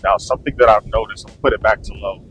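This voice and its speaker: A man's voice: lowish voice, steady tone, quick pace. A man demonstrating a wireless clip mic into an action camera, with noise reduction artifacts on his voice, explaining settings step by step to his viewers. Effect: noise reduction artifacts from in-mic noise cancellation. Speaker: camera gear reviewer. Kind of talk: casual gear test vlog. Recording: loud traffic noise behind voice.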